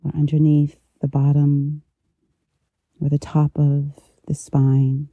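A meditation teacher guiding relaxation gently, with a soft, intimate delivery right in the listener's ear. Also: medium pitch, completely flat delivery, no echo, dull audio. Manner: slow, unhurried, gentle pauses. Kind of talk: guided meditation, soothing instruction.

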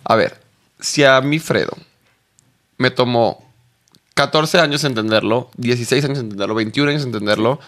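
A man hosts a podcast in easygoing conversation. His voice sits at an ordinary middle pitch, and he speaks plainly and expressively. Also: normal speed, long pauses, a bit bright. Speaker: podcast host. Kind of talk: casual chat.

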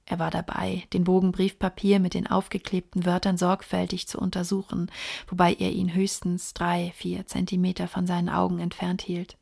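A woman narrating a classic detective novel as an audiobook, in a calm, even way. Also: lowish voice, normal speed, vocal fry, breathy edge. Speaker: audiobook reader.

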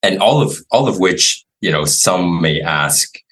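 A man from Taiwan with a very deep, husky voice that still has a bright, forceful edge. He tells his story as an interview guest, relaxed and rambling, with many fillers. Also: unhurried, poor audio. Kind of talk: casual interview.

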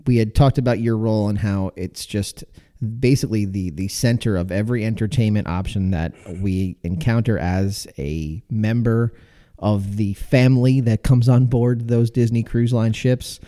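A man's voice: on the low side, moderate pace, dark tone. A man from the United States hosting a podcast interview, asking long, rambling questions with many restarts. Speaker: podcast host.

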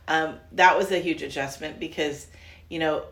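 A woman's voice: low voice, fairly even intonation, normal speed, fairly bright tone. A middle-aged woman co-hosting a business podcast, rambling and self-deprecating as she tells stories. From Florida, US. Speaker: podcast co-host, realtor. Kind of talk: casual chat.

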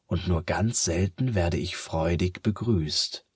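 Mann spricht eine traurige, müde Sonne. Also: male voice, sits low, husky, no room sound, studio quality, full character voice. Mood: downcast, slow. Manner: slow, sighing, downcast. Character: sad weary sun, slow and gentle.

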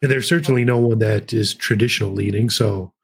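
A man talking in a casual online chat, measured and a little hesitant. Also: lowish voice, gravelly, crowd noise. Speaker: podcast guest.

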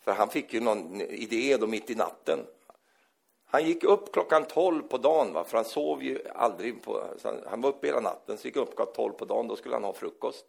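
A man preaching a sermon in an animated storytelling manner, often acting out the people he quotes. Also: medium pitch, gravelly, breathy edge.

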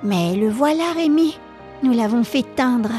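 A woman voicing an eager, loyal young boy who talks in an excited, reassuring way. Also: a little high, unhurried, soft background music.

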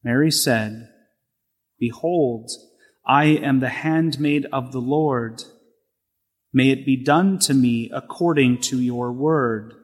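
A man serving as deacon, reading the gospel and preaching in a slow, measured way, with his voice echoing through a church. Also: mid-range voice. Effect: cathedral-like church echo. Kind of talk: liturgical gospel reading and homily. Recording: long reverb in a church.

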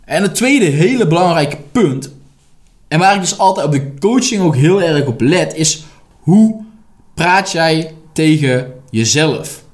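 Emphatic male life coach, lively pitch. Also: a little slow. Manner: direct and emphatic, coaching the listener, with blunt swearing. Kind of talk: motivational podcast monologue.

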